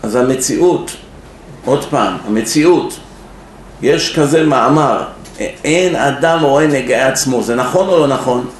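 A rabbi giving a sermon at a yeshiva, telling stories, acting out the people in them and putting questions to his listeners. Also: mid-range voice. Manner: storytelling with acted-out quotes, asks the audience questions. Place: yeshiva hall. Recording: echoey room with faint noise.

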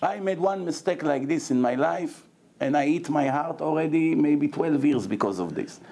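Joking rabbi with a mellow voice. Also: male voice, on the high side, lively intonation, moderate pace, creaky. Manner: joking, chuckling, mixing Hebrew and Yiddish words. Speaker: rabbi giving a lecture. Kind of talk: informal Torah lecture with anecdotes.

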